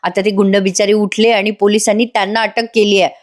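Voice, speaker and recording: A woman's voice: mid-range voice, flat delivery, a little fast. A woman narrating a chatty voice-over recap of a TV serial, talking straight to her viewers. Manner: chatty, addressing viewers directly. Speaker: serial reviewer.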